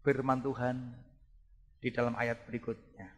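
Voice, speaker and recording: A man in his fifties with a Javanese accent, preaching a sermon as pastor in a church hall. He swings from soft asides to loud, emphatic exclamations. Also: medium pitch, flat delivery, unhurried. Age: 50s. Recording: long hall reverb.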